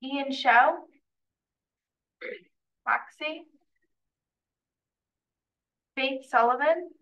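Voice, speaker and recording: A young woman leading a student meeting, briskly reading out names one after another for roll call. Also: sits high. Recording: distant, dull room mic.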